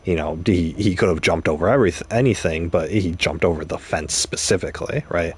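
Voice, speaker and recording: A young gaming streamer with a low, fairly quick, slightly mellow and rough voice gives casual commentary while he plays. He rambles through an explanation, using examples and restarting his sentences.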